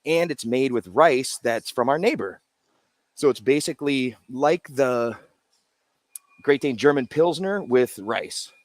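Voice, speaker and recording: A man talks loosely and casually as a guest, explaining his brewery's cans one by one. His voice sits at an ordinary middle pitch. The sound is close and dry, with no room behind it. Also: animated, unhurried, no room sound. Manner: explains while showing cans, loose and chatty. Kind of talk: casual interview chat. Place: brewery in a Japanese spa town.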